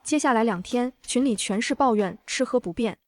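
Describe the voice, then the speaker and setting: Woman voicing a young heroine, cold and calm, slightly high, vengeful first-person narrator. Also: a little fast, no echo, studio quality, close to an everyday voice. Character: cool-headed reborn young woman, vengeful. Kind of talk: dramatic audio narration.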